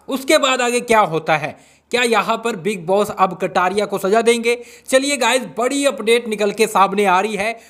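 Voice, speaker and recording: High-voiced man hyping reality show gossip. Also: a bit bright. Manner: dramatic, hypes up the news and re-enacts quarrels. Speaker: YouTuber giving reality show updates. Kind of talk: excited gossip recap.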